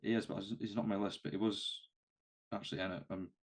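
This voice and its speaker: A man with a deep, slightly husky voice runs a quiz game on a casual football podcast. He rattles along at speed and teases the players. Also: little pitch movement, fast talker.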